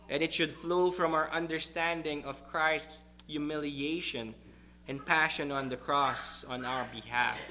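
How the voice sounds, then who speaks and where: A male pastor preaching a sermon to his congregation, emphatic and deliberate, repeating key words for stress. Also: fairly high pitch, sharp tone.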